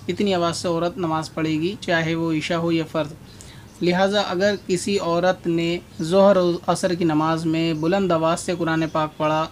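A man with a high, fairly flat voice lays out a religious ruling step by step, pausing with a drawn-out "aa" as he thinks. Faint noise sits under his voice. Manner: steady explanatory, pauses with "aa". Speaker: Islamic scholar answering a question. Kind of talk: religious Q&A explanation.

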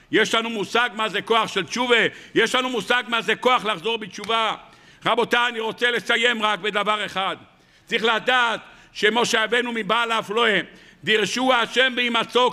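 A middle-aged rabbi preaching with a high, very bright and piercing voice. He tells stories dramatically, throws rhetorical questions at his listeners and now and then jumps sharply upward in pitch. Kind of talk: weekly Torah-portion sermon.

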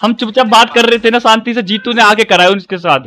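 A young male streamer with a high, bright voice calls out over a battle game with his friends. He gets excitable, shouts and says the same phrase over and over. His voice comes through a close headset mic. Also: brisk. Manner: excitable, shouting and repeating himself. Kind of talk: live gameplay chatter with friends.

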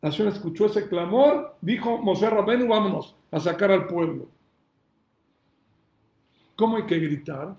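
Male rabbi, fiery question-and-answer sermon delivery, high-pitched, recorded in a reverberant room. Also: unhurried, pauses often. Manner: emphatic preacher, asks and answers his own questions, shouts calls to God.

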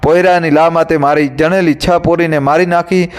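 A man's voice: on the high side, steady tone, moderate pace, clean tone, lightly acted. A man reading the part of a desperate, fierce young village mother, pleading and raging. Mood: furious.

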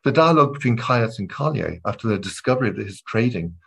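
A man giving an academic literature lecture, measured in delivery, weaving read passages into his commentary. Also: on the low side, lively intonation, creaky, a bit bright, husky, rough recording. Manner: measured, reads quoted passages aloud between comments.

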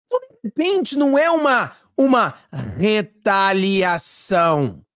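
A woman's voice: medium pitch, sing-song, slow pace, no echo, studio quality. Sarcastic Brazilian woman commentator. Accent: Brazilian Portuguese. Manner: sarcastic, mocking, emphatic. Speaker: political commentary host. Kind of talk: opinionated political commentary vlog.

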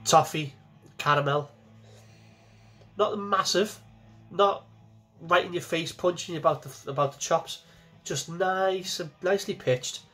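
A man's voice: sits high, unhurried, long pauses, pushed and bright, soft background music. A man in his forties, talking casually to camera from a small home kitchen as he reviews a beer, chatty and repeating himself as he goes.

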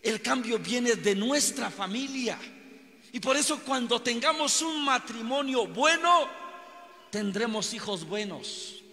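A man's voice: extremely high pitch, bright, forceful tone. A man preaching a sermon, telling stories to make his points, emphatic and calling out at times. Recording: long hall reverb.

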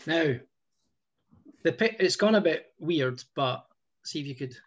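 A man's voice: fairly high pitch, animated, unhurried, a bit bright, husky, highs cut off. A Scottish man, a guest musician, chatting in a rambling, self-mocking way with lots of restarts. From Scotland. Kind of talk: casual chat.

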